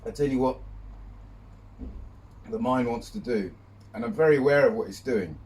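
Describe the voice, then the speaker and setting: A man speaking reflectively to camera while sitting in ice cold water outdoors, in a measured way with pauses. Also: mid-range voice, darkish tone. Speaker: vlogger. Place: outdoors, birdsong behind. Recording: distant mic, faint outdoor noise.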